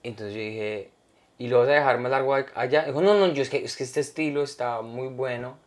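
Animated man telling a story. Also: mid-range voice, a little fast. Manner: animated storyteller, mimics others, reads fan comments. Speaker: podcast co-host. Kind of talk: casual comedy chat, storytelling.

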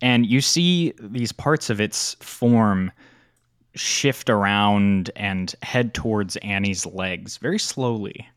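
A man narrating a tabletop game as game master, describing scenes in an unhurried way. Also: on the low side, fairly bright tone, dry recording, clean studio sound.

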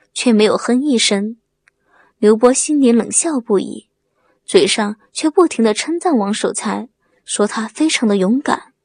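A woman narrating a serialized audiobook story at a steady, even pace. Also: fairly high pitch, breathy edge, dry recording.

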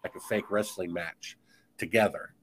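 A man's voice: sits low, fairly even intonation, moderate pace, a little hiss or hum. A man speaking as a guest author in a podcast conversation, talking in an emphatic, insistent, preachy way.

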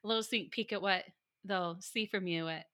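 A woman's voice: mid-range voice, normal speed, a bit bright. A woman hosting a podcast interview, laughing often and encouraging her guest. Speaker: podcast host. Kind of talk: casual interview.

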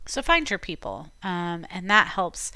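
A woman from Florida hosting a podcast, giving chatty, encouraging advice in a relaxed conversational way. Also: fairly low pitch, a little slow, no room sound. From Tampa, Florida. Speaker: podcast host. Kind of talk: casual advice talk.

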